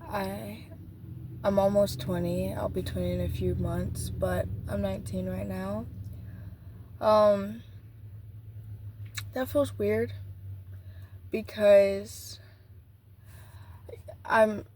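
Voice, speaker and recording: A nineteen-year-old woman vlogging an unplanned journaling session outdoors beside a busy street, rambling and reflective, with halting restarts. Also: mid-range voice, little pitch movement, a little mellow, a little hiss or hum.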